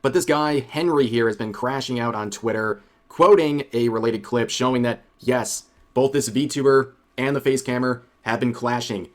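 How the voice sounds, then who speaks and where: A man's voice: mid-range voice, normal speed, hardly any pauses. A man narrating a commentary video as an online drama commentator.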